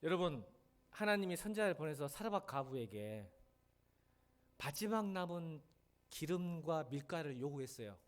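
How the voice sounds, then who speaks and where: Animated male pastor preaching a sermon. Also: a little high, normal speed. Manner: animated, emphatic, acts out quotes. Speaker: senior pastor. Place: church sanctuary.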